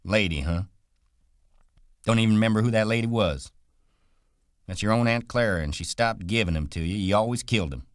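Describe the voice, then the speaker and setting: A man's voice: low-pitched, dry recording, clean studio sound, lightly acted. George, a man voicing a hot-tempered worker. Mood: scornful. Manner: scolding, exasperated, quick bursts.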